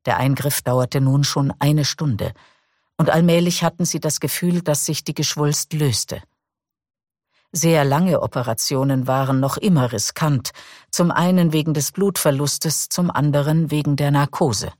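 A man reading a novel aloud in calm, measured audiobook narration. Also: fairly high pitch, no echo, studio quality.

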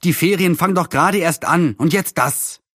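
A man voicing an excited, hot-tempered tomboy girl in a storybook reading, talking breathlessly. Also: fairly high pitch, normal speed, dry recording, clean studio sound, voice pushed up. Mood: upset. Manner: breathless, upset.

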